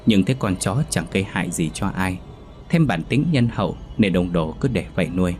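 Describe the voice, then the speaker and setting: A male storyteller reads a horror tale in a steady, suspenseful manner. His voice sits very low. Soft music plays faintly underneath the narration. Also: fairly quick. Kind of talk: scripted ghost story narration.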